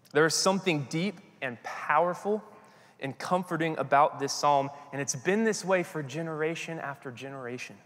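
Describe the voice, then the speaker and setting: A man preaching a sermon and reading scripture slowly and earnestly, his phrase endings dropping soft and quiet. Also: fairly high pitch, long reverb tail. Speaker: pastor.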